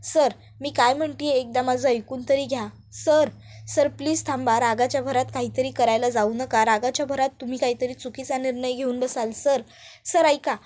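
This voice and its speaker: A woman's voice: sits high, fairly even intonation, normal speed, a little mellow, close to an everyday voice. A woman voicing a young woman who pleads urgently to be heard. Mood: pleading. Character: pleading young woman begging him to listen.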